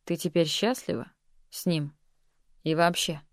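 A woman voicing a calm, condescending man who was once the heroine's lover and teacher, speaking softly and patronizingly. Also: fairly low pitch, measured pace, dry recording, studio quality. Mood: concerned. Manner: soft-spoken, patronizing.

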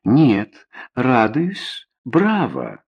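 A man's voice: mid-range voice, huge pitch swings, very slow, a little mellow, breathy edge, pitched above the performer's own voice, exaggerated voice. A man voicing a rude, greedy young male pool hustler in an audiobook, curt and sarcastic.

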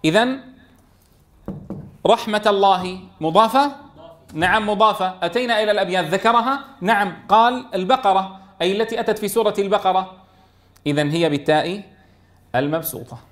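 A man teaching a tajweed lesson, asking questions and answering them himself, and chanting verse lines slowly. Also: high-pitched, a bit bright. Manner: explains by asking and answering his own questions. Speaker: Quran teacher.

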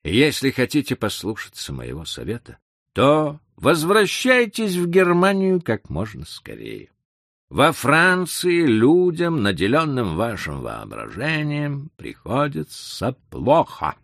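A man playing a crafty soft-spoken doctor. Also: mid-range voice, wildly swooping pitch, slow, creaky, dry recording, clean studio sound, voice pushed up, full character voice. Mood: advising. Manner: showy aloud, hushed aside. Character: crafty male doctor calming a crowd.

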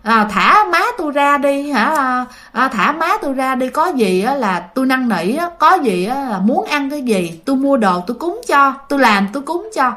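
A woman voicing a mother who gently pleads with a spirit, in a spoken ghost story. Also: high-pitched, expressive, moderate pace, hardly any pauses. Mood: pleading. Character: pleading daughter-in-law begging a spirit.

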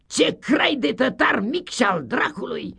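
A man voicing a blustering, mocking male village schoolmaster who shouts and cackles at his pupils, in a storybook reading. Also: extremely high pitch, big pitch swings, creaky, slightly rough, pitched above the performer's own voice, heavily acted.

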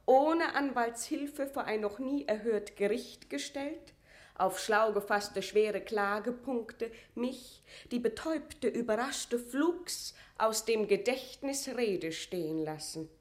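An actress in a classical German verse radio drama plays a proud, wronged queen held prisoner. Her voice is on the high side and slow, and she speaks with dignified, imperious authority in formal, declamatory diction.

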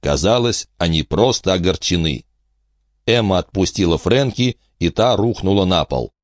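A man narrating an audiobook in the first person with expressive storytelling. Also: deep voice, moderate pace, no room sound, studio quality.

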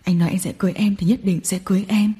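A woman reading a storybook and voicing a patient young man who gently comforts his partner. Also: fairly even intonation, rapid-fire, breathy edge. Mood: soothing. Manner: soft, soothing, low-voiced.

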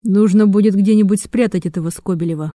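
A woman's voice: mid-range voice, quick pace, warm tone, dry recording, clean studio sound, lightly acted. A woman voicing a tired, bitter male agent who speaks through his teeth.

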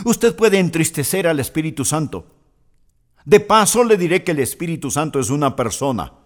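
A middle-aged man preaching a sermon with a fairly high voice that swings widely up and down. He talks straight to the listener as their pastor and keeps putting questions to them. His delivery stays animated throughout. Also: moderate pace.

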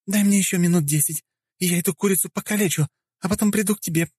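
A man's voice: sits high, fast talker, a little mellow, slightly rough, dry recording, clean studio sound, pitched above the performer's own voice. A man reading an audiobook, voicing a fierce young wife who fights while cooing at her husband. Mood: sweetly doting. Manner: sweet to her husband, scornful to her rival. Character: doting, fierce young wife, a battle mage.

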